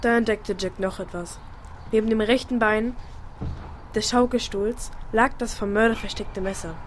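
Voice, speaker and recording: A woman's voice: on the high side, fairly even intonation, moderate pace, a little hiss or hum, lightly acted. A woman playing a young girl in a radio play who reads a detective comic aloud dramatically and snaps at interruptions. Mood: reading. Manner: dramatic read-aloud, snappish asides.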